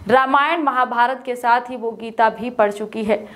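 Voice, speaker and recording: A woman's voice: fairly high pitch, steady tone, normal speed, a bit bright. A young woman presenting a scripted news report.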